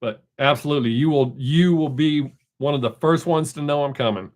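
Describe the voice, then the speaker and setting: A slightly high, slightly fast, somewhat mellow voice belongs to a middle-aged Southern man hosting a relaxed live stream. Speaking into a desk microphone, he chats and rambles with viewers and reads the chat out.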